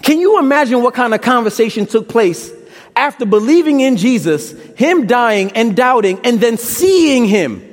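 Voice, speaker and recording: In a large hall with long reverb, a young man from Brooklyn, New York, preaches a campus sermon in his Brooklyn accent. His pitch is extremely high and his delivery very animated at a normal speed, full of impassioned rhetorical questions and a little casual slang.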